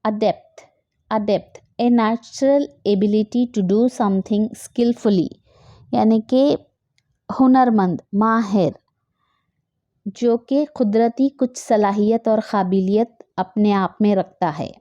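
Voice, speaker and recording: A woman teaching English vocabulary to students, repeating each word slowly and then explaining it, switching between English and Hindi-Urdu. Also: mid-range voice, warm tone, dry recording, muffled recording. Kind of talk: slow vocabulary lesson.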